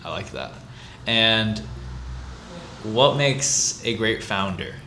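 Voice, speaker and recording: A man hosting a casual interview, upbeat and quick to affirm his guest. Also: on the low side, very animated, bright, forceful tone. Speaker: podcast host. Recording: roomy echo with faint noise.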